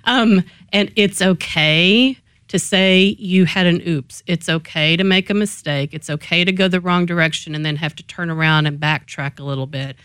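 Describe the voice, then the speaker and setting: Lower-voiced Texan woman, close dry sound. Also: steady tone, normal speed, hardly any pauses, fairly bright tone, smooth, no room sound. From Texas, United States. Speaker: business coach and guest. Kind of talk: conversational interview answers.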